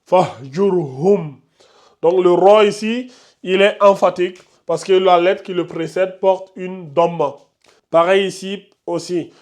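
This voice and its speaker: A man teaching Quran recitation rules in a slow explanatory lesson, repeating each rule and often checking that listeners follow. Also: high-pitched, level tone, darkish tone. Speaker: tajwid teacher.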